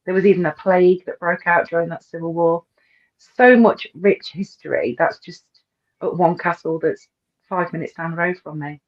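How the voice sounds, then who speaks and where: In a lo-fi recording, a guest author and paranormal researcher from the English East Midlands chats casually in an interview. Her fairly low voice keeps a fairly even intonation at a moderate pace, and she sounds eager yet halting, full of ums and repeated words.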